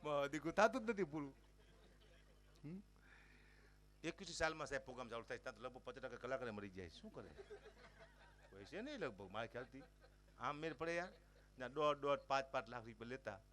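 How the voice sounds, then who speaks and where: A man's voice: medium pitch, fast, pauses often. A man telling comic folk stories on stage and acting out the characters with lots of energy. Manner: animated, acts out characters. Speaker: folk storyteller.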